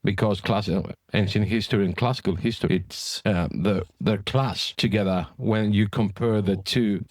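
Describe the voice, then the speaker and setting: Low-voiced man on a podcast. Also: fairly even intonation, normal speed, hardly any pauses, darkish tone, dry recording. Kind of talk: conversational podcast discussion.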